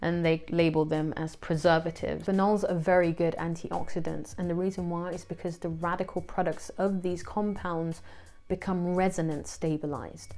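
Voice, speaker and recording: Woman tutor, low and creaky voice, steady question-and-answer revision read, dry asides. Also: normal speed. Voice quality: gravelly, creaky voice.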